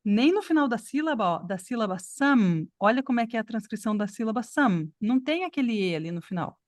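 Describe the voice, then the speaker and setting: A woman's voice: on the high side, lively intonation, brisk, darkish tone, no room sound, clean studio sound. A woman from Brazil teaching an online English class, explaining patiently and checking in with her students. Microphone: computer mic on video call.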